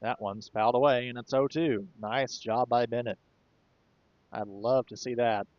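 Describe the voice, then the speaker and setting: A man doing relaxed, conversational play-by-play commentary for a baseball game, with occasional fillers. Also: medium pitch, normal speed, dry recording, highs cut off. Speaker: play-by-play announcer.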